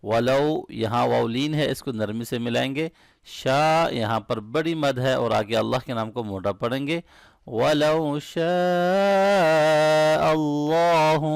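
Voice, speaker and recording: A man teaching recitation step by step. He chants each verse slowly and melodically, then explains the rules quickly in a lower voice, often checking in with the listener. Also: gravelly, dry recording, clean studio sound.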